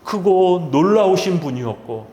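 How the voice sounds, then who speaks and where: Brief: male senior pastor, dramatic storytelling sermon, wide swooping pitch, echoey church sanctuary. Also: animated, a little slow, mellow. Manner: dramatic storytelling with rhetorical questions. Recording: roomy church echo.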